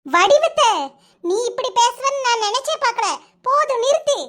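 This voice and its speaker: A woman's voice: very high voice, animated, moderate pace, a bit bright, slight background noise. A woman voicing a bitter, defiant young village woman in a cartoon, with a southern Tamil Nadu accent. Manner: defiant, cutting.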